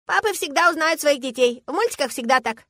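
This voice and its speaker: A woman's voice: high voice, animated, fairly quick, fairly bright tone, no room sound, clean studio sound, pitched above the performer's own voice. A woman voicing a stubborn, indignant five-year-old girl who insists like a strict little teacher. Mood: insistent.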